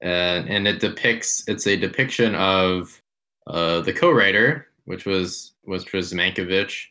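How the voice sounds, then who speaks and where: A man's voice: sits low, a little slow, bright, forceful tone. A man co-hosting a film podcast, talking casually, rambling and correcting himself as he goes. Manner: rambling, self-correcting, unsure. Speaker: podcast co-host.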